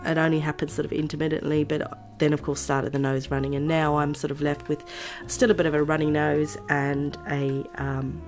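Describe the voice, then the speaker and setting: A woman vlogger chatting casually to her viewers, her voice nasal and hoarse from a cold, rambling and laughing often. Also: sits low, little pitch movement, moderate pace, a little mellow, soft background music. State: voice going hoarse. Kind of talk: casual chat to camera.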